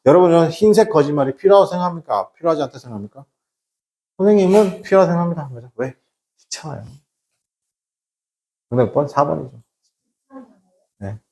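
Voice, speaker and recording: Lively-voiced male teacher lecturing. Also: fairly high pitch, fast talker, pauses often. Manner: casual, asks himself questions and acts out quoted lines. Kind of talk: lecture with a personal anecdote.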